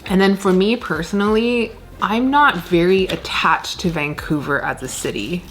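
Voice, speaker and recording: A Canadian plant vlogger chats casually while repotting plants at home, rambling with lots of fillers. Her voice is on the low side at a moderate pace, with a little hiss or hum. She's in an indoor plant room lined with shelves of plants, filmed in a medium shot by a camera on a desk.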